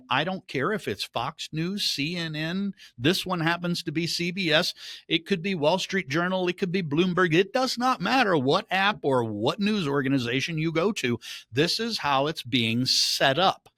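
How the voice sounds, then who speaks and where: A man's voice: fairly high pitch, lively intonation, measured pace, a bit bright, no room sound, studio quality. A man hosting a podcast, giving opinionated market commentary in a sarcastic, emphatic way that rises to indignant outbursts. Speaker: podcast host.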